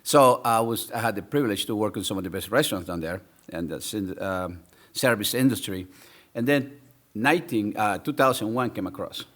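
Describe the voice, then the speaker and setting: A man's voice: on the low side, fairly quick, a bit bright. A man, a business owner telling his story as a podcast guest with enthusiasm and many fillers. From El Salvador. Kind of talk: casual interview.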